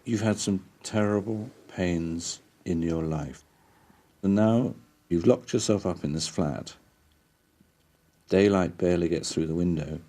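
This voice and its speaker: A man conducting a documentary interview, asking gentle but probing questions. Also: sits low, a little slow.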